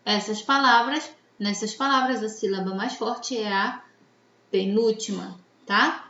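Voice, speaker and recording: A Brazilian woman teacher with a Brazilian Portuguese accent explaining a lesson slowly and checking in with her students. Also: mid-range voice, pushed and bright, roomy sound, highs cut off, a little hiss or hum. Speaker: Spanish teacher. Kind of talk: recorded classroom lesson.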